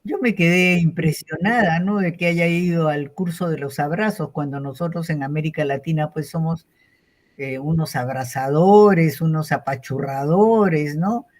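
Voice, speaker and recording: A woman with a Peruvian accent giving an online lecture in a warm, reflective way, often closing phrases with a questioning tag. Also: low voice, unhurried. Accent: Peruvian Spanish, from Callao. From Peru. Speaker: invited lecturer. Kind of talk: online conference talk.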